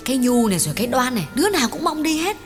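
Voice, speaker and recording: A woman voicing the dialogue of an audiobook story, expressive and rising sharply when alarmed. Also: high-pitched, racing. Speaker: voice actor in an audiobook. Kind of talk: acted dialogue in a read story. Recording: long reverb with music underneath.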